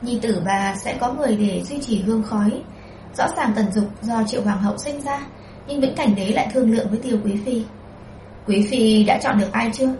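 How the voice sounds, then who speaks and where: A woman narrating a historical novel as an audiobook, in a measured storytelling voice, in a roomy, distant recording. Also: a little high, dark tone, a little hiss or hum.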